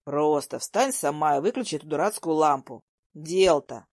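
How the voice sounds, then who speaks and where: A woman reading a story voices a blunt, teasing young man in a lowered, slow, sardonic voice. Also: expressive, darkish tone, dry recording, studio quality.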